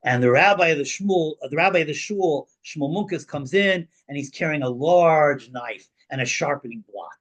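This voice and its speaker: A man's voice: fairly high pitch, animated, moderate pace, few pauses, rough recording. A male rabbi giving a Torah class, telling a story animatedly with frequent restarts and repeated words.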